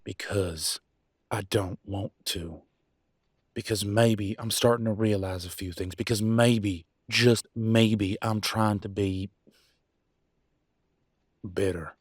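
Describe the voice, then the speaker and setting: A man voices a deep-voiced werewolf pack leader and husband, weary and embittered, in a dramatic one-sided relationship roleplay. His speech is folksy and colloquial, edged with sarcasm and deliberate pauses, sounding angry and firm with fairly even intonation. The recording is close and dry with no room sound.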